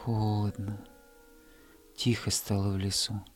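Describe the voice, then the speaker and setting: A man narrating a children's storybook, reading slowly, softly and gently. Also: fairly low pitch, completely flat delivery. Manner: slow, soft, gentle reading. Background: faint music.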